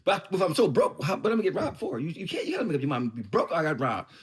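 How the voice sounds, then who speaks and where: Fast, animated taunting man from Philly. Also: fairly high pitch. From Philadelphia. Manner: taunting, mocking, heated. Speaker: show host. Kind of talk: ranting monologue.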